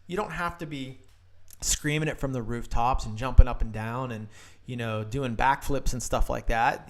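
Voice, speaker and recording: A man hosting a solo Q&A video as a practice-building coach. He talks with enthusiasm and stresses his points through repetition. His tone is emphatic and direct. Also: mid-range voice.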